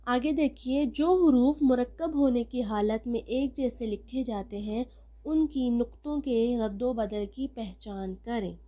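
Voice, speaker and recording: Patient higher-voiced woman teaching letters. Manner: patient, step-by-step explaining, stretching out letter names slowly and loudly. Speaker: online Quran reading teacher. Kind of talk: recorded lesson on reading Arabic letters.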